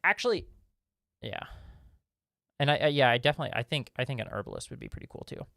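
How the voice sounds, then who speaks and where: A man's voice: medium pitch, very animated, fast, vocal fry, bright, forceful tone, no room sound, clean studio sound. A man hosting a casual live-stream Q&A, reading viewer questions and rambling through his answers with lots of fillers and restarts.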